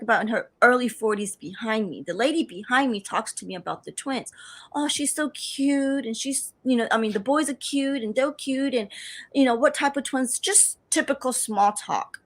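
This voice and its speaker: A woman in her thirties tells her own story in a plain, earnest testimony. Her voice sits a little high, and she stumbles into restarts as she relives her doubts. She often speaks her past thoughts aloud as she goes. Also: fairly bright tone. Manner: earnest storytelling with halting restarts and acted-out inner dialogue. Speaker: survivor telling her story. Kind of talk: personal testimony.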